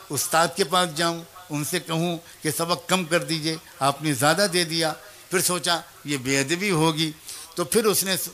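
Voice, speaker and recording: Bright-voiced earnest male preacher. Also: fairly high pitch. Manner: earnest, emotive, addresses audience directly. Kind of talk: storytelling sermon.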